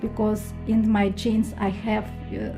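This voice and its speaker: A woman from Ukraine with a Ukrainian accent, a guest healer answering radio interview questions in halting non-native English with many pauses and ums. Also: mid-range voice, completely flat delivery, loud music behind the voice. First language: not English.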